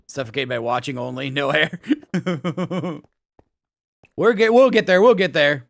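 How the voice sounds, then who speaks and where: Chatty male streamer with a bright, high voice. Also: a little slow, creaky, dry recording. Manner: chatty, reads out chat, thanks viewers, bursts of excited laughter. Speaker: live streamer. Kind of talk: casual live-stream chat.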